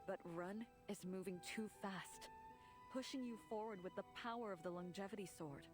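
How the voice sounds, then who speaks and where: A wise female martial arts master in a video game, played by a woman, speaking calmly and firmly like a teacher. Her pitch is mid-range and even. Clear game music runs beneath her. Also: moderate pace, natural voice. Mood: stern. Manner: calm, instructive. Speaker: grand master.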